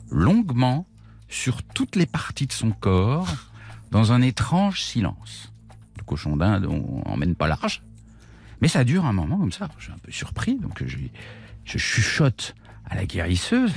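A man telling a strange travel anecdote on a radio show, in a lively, theatrical way with whispered asides. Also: medium pitch, vocal fry, breathy edge. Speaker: storytelling expert. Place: radio studio.

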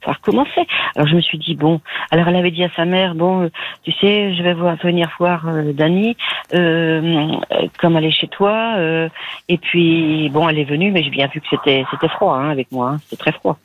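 A woman's voice: low voice, fairly even intonation, a little fast, no echo. A woman calling in to a radio advice show, talking anxiously with stammering repetitions. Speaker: caller. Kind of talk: phone-in call. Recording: tinny phone line.

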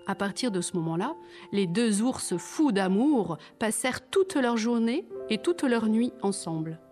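Woman reading a kids' story really slow, playful asides, faint music behind. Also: on the high side, big pitch swings, dark tone.

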